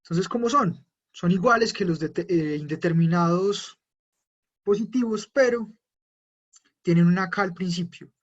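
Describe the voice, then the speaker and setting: A man with a fairly high, husky voice teaches a live online language lesson. He explains each point patiently and takes viewers' questions as they come in. The sound is dull and lo-fi, as from a computer mic. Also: measured pace, long pauses. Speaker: German teacher.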